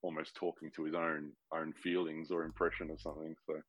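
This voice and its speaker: A man's voice: a bass voice, level tone, a little fast, lo-fi sound. A man in a casual book discussion, talking in an easygoing way and laughing now and then.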